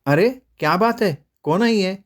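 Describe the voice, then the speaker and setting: A man reading a storybook voices a cheerful, teasing young woman in a higher, playful voice. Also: a little slow.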